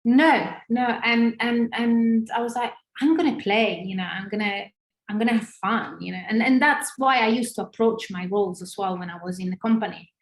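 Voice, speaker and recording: With an Italian accent from northern Italy, this woman, once a ballerina, answers casual interview questions haltingly, starting over often and leaning on fillers. Her voice sits on the high side, and the recording is roomy and echoey.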